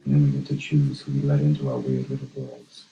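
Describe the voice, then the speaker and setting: Blunt Boston widower-therapist, very deep voice, roomy lo-fi film audio. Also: male voice, completely flat delivery, brisk, mellow, a little hiss or hum. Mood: wistful. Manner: blunt, coarse, reflective. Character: gruff widowed older male therapist. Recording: dull, roomy film soundtrack.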